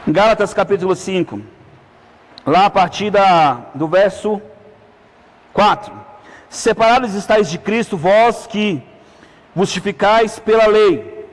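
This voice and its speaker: Male preacher, high voice, dramatic loud-soft delivery, long church reverb. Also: unhurried, long pauses. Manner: calls out to the congregation with repeated "amém, irmão?"; shifts between loud peaks and hushed low asides. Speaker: apostle preaching. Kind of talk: sermon. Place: church hall. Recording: hall reverb.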